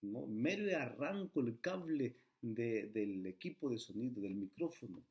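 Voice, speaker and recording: Man, mid-pitched, church trainer, earnest preaching delivery. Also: animated, a little slow, a little mellow. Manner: earnest preacher, rising emphatic phrases, tag questions. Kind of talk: sermon-style training talk.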